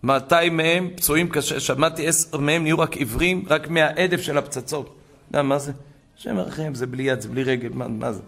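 A man's voice: on the high side, vocal fry. A man giving a rabbi's sermon to a gathering, preaching with fervor and retelling conversations. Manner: fervent preaching that builds to loud exclamations. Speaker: rabbi giving a Torah talk.

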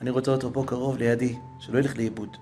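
A man preaching a sermon through a story, moving between hushed passages and raised, fervent ones. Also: mid-range voice, flat delivery, soft background music.

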